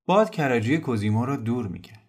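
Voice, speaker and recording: A man narrating a novel in a calm, measured storytelling voice. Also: mid-range voice, slightly rough.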